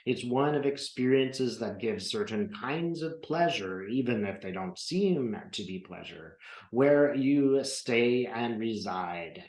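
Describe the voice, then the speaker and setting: A man giving a channeled spiritual talk in the manner of a seance medium, with measured, deliberate and formal phrasing. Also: mid-range voice, roomy sound. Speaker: trance channeler.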